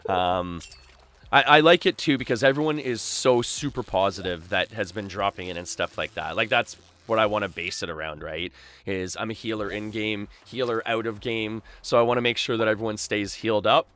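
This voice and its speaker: A man's voice: on the low side, normal speed, a bit bright. A boisterous, chatty man from Canada hosting a casual livestream, talking with his viewers. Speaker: live game streamer and host. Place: small backyard shed used as a streaming room.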